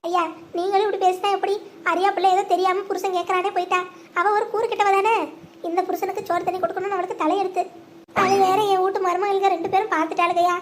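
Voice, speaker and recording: A high-voiced performer voicing an older village mother who pleads and wails for her jailed daughter. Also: little pitch movement, fast talker, slight background noise. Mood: pleading. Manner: wailing, pleading.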